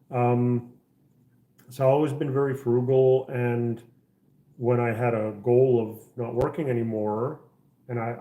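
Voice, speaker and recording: A middle-aged livestream host from the Czech Republic speaks to his audience from an echoey room in his home. His medium-pitched voice is mellow and dark, and his casual talk wanders, packed with fillers and false starts.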